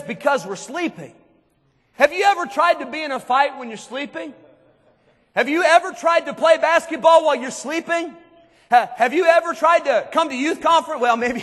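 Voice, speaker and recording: A man preaching a sermon to a youth conference, emphatic, dropping low and quiet and then rising to shouts. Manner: emphatic, swings between hushed and shouted. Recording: long hall reverb.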